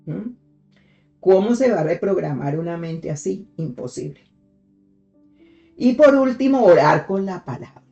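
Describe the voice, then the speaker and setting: A preacher leads a morning devotional in a warm, mellow voice at a middle pitch. The delivery is patient and methodical, with rhetorical questions and key lines said again for emphasis. A soft guitar plays quietly underneath. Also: animated, a little slow, vocal fry, long pauses, highs cut off. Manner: teaches step by step with rhetorical questions; repeats key phrases for emphasis. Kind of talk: devotional sermon.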